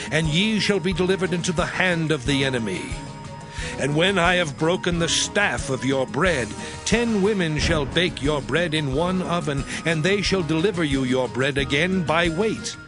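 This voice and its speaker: A stern God of the Old Testament, speaks over prominent music. The voice sits a little high and delivers scripture as solemn, measured declamation, a lawgiver pronouncing judgment in an audio drama. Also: male voice.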